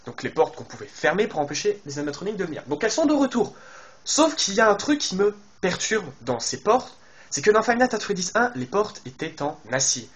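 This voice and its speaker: Here a gaming YouTuber with a high-pitched, lively-swinging voice talks through a trailer a little fast. It's casual, aimed at his viewers, and he thinks out loud with plenty of fillers and restarts.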